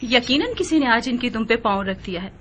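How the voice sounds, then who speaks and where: An actress playing a proud, exasperated wife and mother in a dubbed historical drama, sharp and reproachful. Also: a little high, animated, brisk, lo-fi sound, a little hiss or hum. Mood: soothing.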